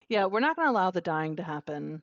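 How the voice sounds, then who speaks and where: Woman, podcast co-host, lowish pitch, dry teasing humor, muffled lo-fi audio, no room echo. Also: big pitch swings, a little fast. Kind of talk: casual chat. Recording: dull dry lo-fi mic.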